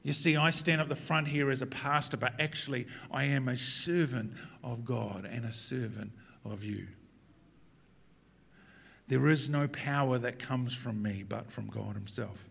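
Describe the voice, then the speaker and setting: A man preaching a sermon as pastor, moving between loud acted quotes and hushed, whispered lines. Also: mid-range voice, unhurried, creaky, slightly rough, dull audio.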